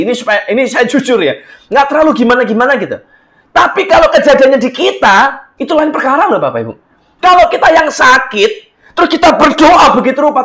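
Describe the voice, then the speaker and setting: A man with a high, light voice, preaching a sermon to his congregation. He talks in an easy, conversational way and mixes English phrases into his speech. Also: a bit bright. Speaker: pastor.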